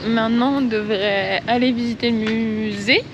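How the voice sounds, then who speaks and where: A woman's voice: fairly high pitch, fairly even intonation, moderate pace, highs cut off. A woman chatting casually to the camera as a travel vlogger outdoors. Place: outdoors in town. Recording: loud outdoor traffic and ambient noise. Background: loud vehicle and street noise.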